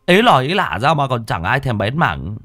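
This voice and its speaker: A man voicing a timid, soft-hearted young village man who stammers. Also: medium pitch, very animated, moderate pace, voice pushed up. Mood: indignant.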